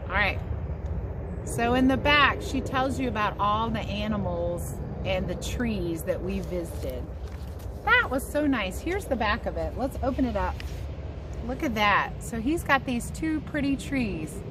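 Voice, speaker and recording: Reading a picture book to children outdoors under trees near a house, a woman teacher is very animated and a little slow, with a medium-pitched voice. She slips in casual asides and addresses the kids encouragingly, against outdoor background noise and passing aircraft.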